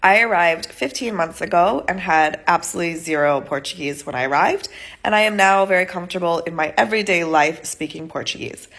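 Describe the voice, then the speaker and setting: A woman's voice: fairly low pitch, brisk, a bit bright. An American woman with a head cold and a nasal voice, chatting casually to camera in a rambling way, often saying "like". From United States. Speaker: vlogger and EFL teacher. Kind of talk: casual talking-head vlog.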